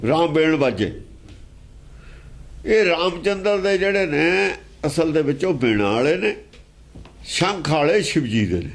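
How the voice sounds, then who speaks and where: A man's voice: fairly high pitch, animated, a little slow, long pauses. Emphatic man explaining scripture. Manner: emphatic and argumentative, with pointed rhetorical questions. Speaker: scripture teacher.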